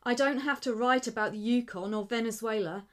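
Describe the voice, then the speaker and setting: A woman reading the part of an eager young man who wants to be a writer, talking with rising excitement. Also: very high-pitched. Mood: excited. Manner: excited, quick, rising with enthusiasm.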